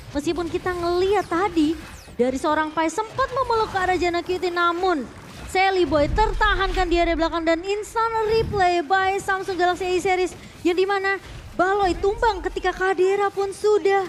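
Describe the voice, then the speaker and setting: A woman's voice: extremely high pitch, moderate pace, a little hiss or hum. A woman with an Indonesian accent giving live esports commentary and analysis in long, flowing, explanatory sentences.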